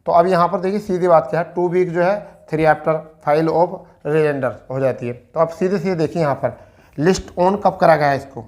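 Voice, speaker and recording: With a fairly high, slightly mellow voice and a moderate pace, an Indian-accented presenter walks viewers through an on-screen document. His explainer is informal and repetitive, full of self-answered questions and English terms.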